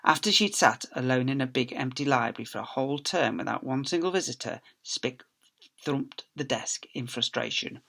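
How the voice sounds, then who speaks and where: Reading aloud to schoolchildren, a man brings a children's story to life with a bright, punchy delivery, theatrical emphasis on key words, and acted sound effects. His animated voice is mid-range and gravelly, moving at a normal speed.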